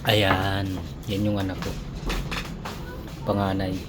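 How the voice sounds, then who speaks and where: A man's voice: low-pitched, completely flat delivery, slow pace. A middle-aged Filipino man chatting casually to his viewers in a family vlog, friendly and talkative. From Philippines. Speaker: vlogger. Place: outdoors at home in the evening. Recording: noisy outdoor background.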